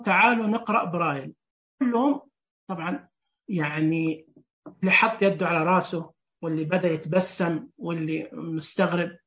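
A woman teaches a Braille class online, going through it step by step and counting the dots out loud. She keeps checking in with her students as she goes. Her voice sits at a middle pitch and comes through a dull, muffled recording. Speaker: Braille instructor.

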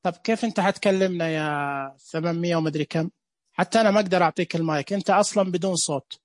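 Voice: medium pitch, very fast, no room sound, clean studio sound. A Braille teacher gives a casual live online lesson, joking with viewers and repeating dot counts.

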